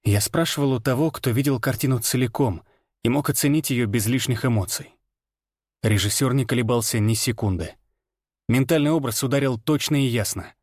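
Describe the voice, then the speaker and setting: Male audiobook narrator, measured first-person reading, dry sound. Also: medium pitch, a little mellow, no room sound.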